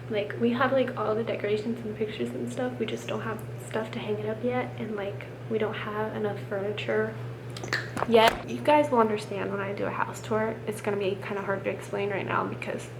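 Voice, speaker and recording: A woman's voice: mid-range voice, flat delivery, brisk. Young American woman, sore throat, roomy sound. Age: young adult. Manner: hushed, keeping quiet, at times dropping to a whisper; rambling, self-deprecating, slangy. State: sick with a sore, swollen throat. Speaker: vlogger. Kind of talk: casual chatty vlog. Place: room at home. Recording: roomy, noisy home camera recording.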